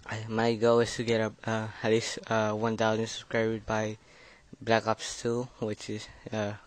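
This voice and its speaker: A man's voice: fairly low pitch, completely flat delivery, normal speed, dry recording. A nervous fifteen-year-old boy giving a casual gameplay commentary, mumbling and hesitant, his speech slightly slurred by braces. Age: teenager, fifteen. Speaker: gaming video creator.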